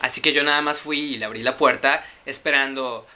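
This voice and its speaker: Man telling a comic story, quick and bright. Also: medium pitch, steady tone. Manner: rapid, self-correcting, exaggerated storytelling. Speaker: vlogger.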